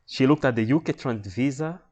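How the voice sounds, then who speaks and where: A man from Congo telling a comic travel story in a conversational, animated way with some fillers. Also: mid-range voice, fairly quick, lo-fi sound.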